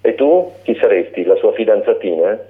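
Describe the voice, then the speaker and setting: A man's voice: fairly low pitch, lively intonation, normal speed, lightly acted. A man voicing a rude, mocking male dog who taunts everyone, heard over a narrow phone-like line. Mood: sneering. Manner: sneering and taunting.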